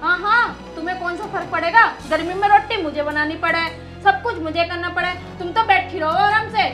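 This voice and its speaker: A woman's voice: very high voice, brisk, a bit bright, soft background music. A woman playing a resentful young daughter-in-law who complains sharply. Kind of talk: rural film drama acting.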